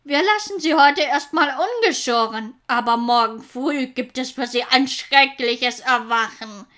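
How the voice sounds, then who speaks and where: A woman's voice: sits high, unhurried, pushed and bright. A woman voicing a cruel, sly male pirate chief who talks grimly. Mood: gloating. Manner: grim, gloating.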